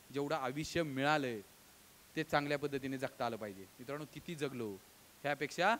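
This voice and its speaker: A man giving a motivational public lecture, talking straight to the crowd with rhetorical questions and swinging from loud declaiming to low, close tones. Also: slight background noise. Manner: emphatic oratory, addresses audience as friends, rhetorical questions. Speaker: guest lecturer.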